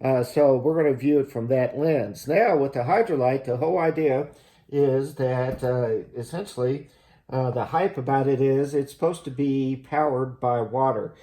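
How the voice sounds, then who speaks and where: A man with a mellow, relaxed voice hosts a casual product review. He explains each point in a measured, halting way, at a middling pitch. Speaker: host of a gear review channel.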